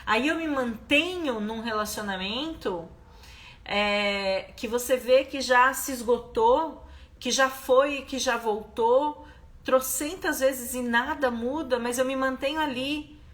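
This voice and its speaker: A woman's voice: high-pitched, takes it slowly, fairly bright tone. A Brazilian woman hosting a live stream, talking emphatically and stressing points with repeated questions. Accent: Brazilian Portuguese. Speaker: host of a live stream, therapist.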